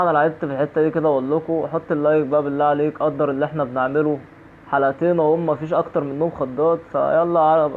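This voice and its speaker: A man with an Egyptian Arabic accent giving jumpy horror-game commentary, repeating phrases over and over. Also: a little high. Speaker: gaming YouTuber. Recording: tinny phone-like audio.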